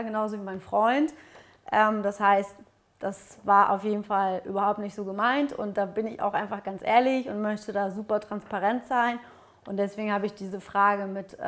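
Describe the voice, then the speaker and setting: Speaking at medium pitch, a young woman from Ukraine who runs a fitness vlog fields viewer questions from a sofa in her bright living room. She keeps it friendly and casual, with many fillers, and wears a lapel mic.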